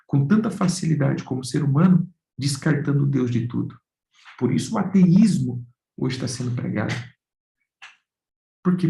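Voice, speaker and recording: A male pastor with a Brazilian accent delivers a sermon in a mellow, gravelly voice. He keeps asking rhetorical questions and calls his listeners brothers and dear ones. The sound carries a roomy echo. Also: a little high. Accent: Brazilian Portuguese.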